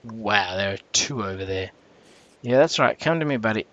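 A man's voice: lowish voice, expressive, normal speed, pushed and bright, highs cut off. A young man hosting casual gameplay commentary. He rambles with lots of fillers and self-corrections, and breaks into jumpy reactions when danger appears. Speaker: channel host.

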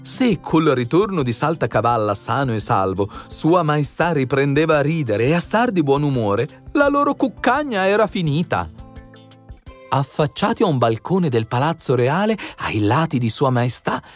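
A man reads a fairy tale aloud in an expressive, animated way, his voice on the higher side and swinging widely in pitch. Soft music plays faintly underneath. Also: normal speed. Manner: expressive storytelling. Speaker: audiobook narrator. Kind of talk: scripted fairy-tale narration.

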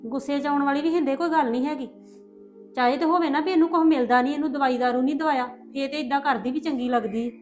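Woman doing a strict mother-in-law, sharp and scolding, highish voice, soft music. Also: quick pace, lightly acted.

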